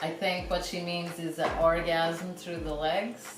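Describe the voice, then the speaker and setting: A woman's voice: lowish voice, flat delivery, unhurried. A woman chatting casually and reading comments aloud, adding playful, wry asides. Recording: echoey room with prominent background music.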